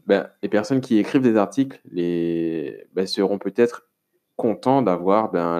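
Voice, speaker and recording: A man from France with a somewhat low voice hosts his solo podcast. He talks at length in a relaxed, rambling way, stopping often on fillers and restarting his sentences as he addresses the listener informally. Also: smooth. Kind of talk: casual solo podcast monologue.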